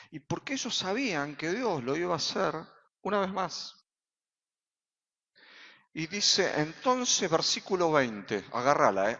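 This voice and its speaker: A man with an Argentine accent, a pastor preaching a sermon in a church, full of rhetorical questions and sudden shouts. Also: fairly high pitch. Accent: Argentine Spanish. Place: church sanctuary. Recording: reverberant hall, dull sound.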